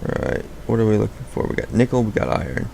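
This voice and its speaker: A man's voice: lowish voice, big pitch swings, fast talker, vocal fry, mellow, slight background noise. A young man giving casual, rambling gameplay commentary, often correcting himself mid-sentence. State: out of breath.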